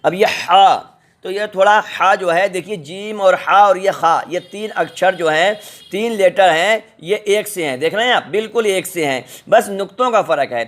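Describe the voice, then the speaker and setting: A middle-aged man teaching the Quran's alphabet in a recorded lesson, patient and repetitive, sounding letters out slowly. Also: sits high, a bit bright.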